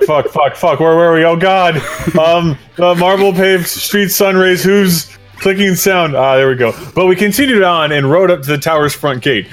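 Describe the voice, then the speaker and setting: A man reading fanfiction aloud on a comedy podcast, cursing and bantering between passages. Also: on the high side. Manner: cursing, laughing, animated. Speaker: podcast reader.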